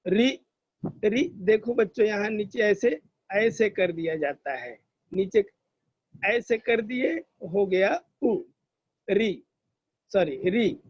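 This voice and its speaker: A man's voice: sits high, lively intonation, takes it slowly, long pauses, slightly rough, dry recording. A male teacher giving an online grammar lesson to children, explaining patiently and drawing out sounds as examples. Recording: dull lo-fi recording.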